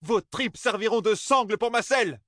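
A man's voice: high voice, moderate pace, no echo, clean studio sound, voice pushed up. A man putting on a furious young man hurling curses. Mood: furious cursing. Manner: shouting curses, indignant. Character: angry young man, cursing and defiant.

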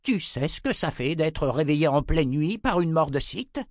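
A man's voice: fairly high pitch, expressive, dry recording, clean studio sound, pitched above the performer's own voice, lightly acted. A man voicing a cranky old wizard. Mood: cranky, indignant. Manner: cranky, exclaiming, quick to complain. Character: grumpy old male wizard, blustering.

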